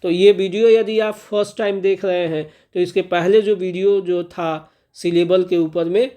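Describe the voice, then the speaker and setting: A male teacher with a fairly high-pitched voice explains a pronunciation lesson step by step. He stretches out the example sounds slowly and keeps checking that his students are following. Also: fairly even intonation, mellow. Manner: repeats "clear ho gaya" and "theek hai" as check-ins; slow, drawn-out enunciation of example sounds. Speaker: English teacher. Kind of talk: classroom-style explanation.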